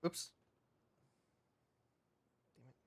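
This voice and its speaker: A man giving playful, jokey let's-play commentary while playing a game. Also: extremely slow. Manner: playful, jokey, laughs often. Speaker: game streamer.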